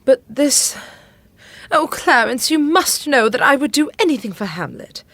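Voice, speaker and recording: A woman's voice: high-pitched, big pitch swings, measured pace, fairly bright tone, no echo, full character voice. A devoted, scheming, emotive middle-aged queen. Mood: pained, hesitant. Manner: refined, earnest, emotive. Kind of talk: audio drama acting.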